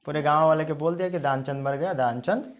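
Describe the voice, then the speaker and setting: A teacher, telling a folk tale in a lively, chatty classroom style and checking in with listeners. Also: mid-range voice, brisk, dull audio.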